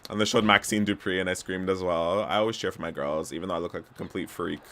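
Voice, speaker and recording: A man from Canada chatting casually and gossipily while streaming a wrestling video game at home, with sudden loud yelps. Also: low-pitched, fairly even intonation, quick pace, slight background noise. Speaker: gaming streamer. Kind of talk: casual commentary while playing.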